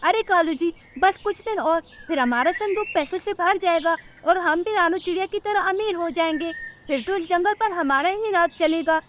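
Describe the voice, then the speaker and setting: A woman's voice: extremely high pitch, moderate pace, a bit bright, slight background noise. A woman voicing a scheming, greedy female crow in a cartoon, whining and haughty by turns. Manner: whining, then haughty and scornful.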